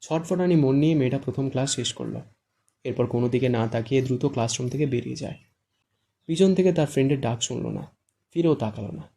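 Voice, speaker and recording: A man narrating an audiobook in an even storytelling manner. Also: medium pitch, fast talker, vocal fry, husky. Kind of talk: scripted narration.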